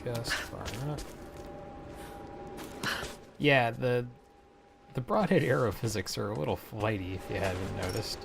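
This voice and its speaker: A man's voice: medium pitch, a little slow, vocal fry, pauses often, background noise. A man hosting a let's play, giving rambling, filler-heavy casual gameplay commentary.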